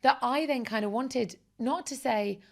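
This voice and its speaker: Woman being interviewed, bit of fry in her voice, chatty and animated. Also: a little high, measured pace. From Essex, England. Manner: animated, enthusiastic storyteller. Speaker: guest. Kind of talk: casual conversational interview.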